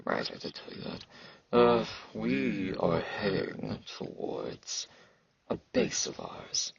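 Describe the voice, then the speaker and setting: Sounding resigned, a man in an intimate ASMR roleplay portrays a blunt, socially awkward knight and fighter, speaking haltingly and with dry dismissiveness. His exaggerated voice is low, gravelly and husky with sibilant S's and big pitch swings, and the audio is dull.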